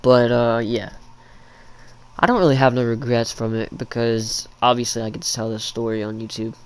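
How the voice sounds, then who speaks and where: A man's voice: medium pitch, steady tone, moderate pace, clear, resonant tone. A young adult man rambling through a casual, slangy storytime as a YouTube storyteller, recorded in a living room at home.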